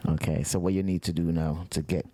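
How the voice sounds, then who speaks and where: Joking, halting middle-aged male host. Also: sits low, little pitch movement. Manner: warm, joking, repetitive, halting. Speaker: podcast host. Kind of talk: casual interview.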